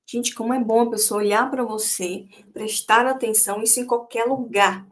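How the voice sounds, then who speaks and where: A middle-aged woman teacher lectures her students online through a computer microphone, speaking conversationally and frequently checking in with them. Her voice is on the high side, with a steady tone and normal speed.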